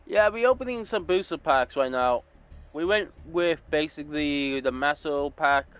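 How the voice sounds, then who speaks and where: A man's voice: a little high, moderate pace, fairly bright tone, clear, resonant tone, lo-fi sound, soft background music. A man in his twenties from California giving casual, rambling gameplay commentary and correcting himself as he goes. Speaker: gaming YouTuber.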